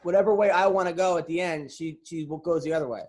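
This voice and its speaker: A man with a slightly high voice talks casually on a podcast. He rambles and restarts as he asks for advice about his toddler. He sounds like an unsure new father. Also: fast, a little mellow. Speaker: podcast co-host. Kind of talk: casual chat.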